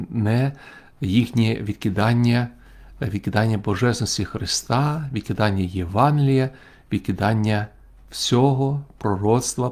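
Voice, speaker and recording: A man, a church bishop, teaching a remote Bible study lecture in a measured, explanatory way, pausing often with "uh" while he works through the text. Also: fairly low pitch, a little mellow. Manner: measured, explanatory, frequent "uh" fillers while working through Greek.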